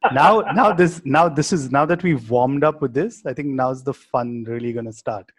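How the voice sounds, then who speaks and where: A man's voice: medium pitch, normal speed, breathy edge. A man chatting casually as a podcast co-host. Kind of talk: casual chat.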